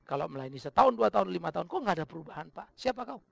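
A middle-aged Indonesian man preaching a sermon, swinging from loud emphatic bursts to low, confiding asides. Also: sing-song, very fast, gravelly, dry recording. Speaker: pastor.

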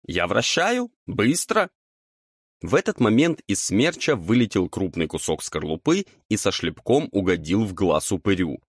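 A man narrating a humorous fantasy audiobook with expressive, lively delivery. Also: low voice, normal speed, few pauses, breathy edge, dry recording, clean studio sound.

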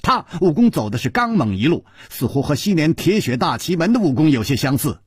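A man voicing a proud, shrewd young female disciple who explains deliberately. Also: fairly high pitch, very animated, breathy edge, no echo, studio quality, voice pushed up, heavily acted. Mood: knowing explaining. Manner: deliberate, knowing, later coldly sneering.

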